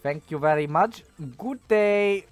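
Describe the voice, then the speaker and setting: A man's voice: high-pitched, takes it slowly, clean tone, no echo. A young man giving casual gameplay commentary and bantering with other players, giggly and often repeating his words. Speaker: gamer streamer. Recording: music in the background.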